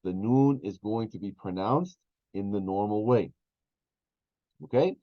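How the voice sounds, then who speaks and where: Slow-explaining male teacher, dull sound. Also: lowish voice. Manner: slow explanatory, many fillers and restarts. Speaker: Arabic teacher. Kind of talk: online class lesson.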